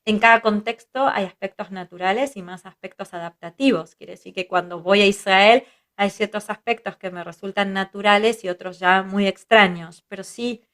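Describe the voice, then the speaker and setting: A woman with a mid-range, slightly bright voice speaks at a moderate pace as a guest psychologist in a reflective interview. Her first language is Hebrew, though she has an Argentine Spanish accent, and she thinks aloud thoughtfully, listing ideas and often adding tag questions.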